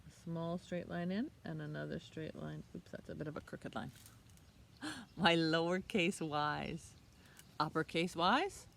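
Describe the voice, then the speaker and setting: Low-pitched and creaky, a middle-aged woman keeps a measured pace as she leads storytime outdoors near a leafy hedge. Picture book reading blends into a children's lesson, delivered in simple, expressive, question-filled speech; faint noise comes through the outdoor recording.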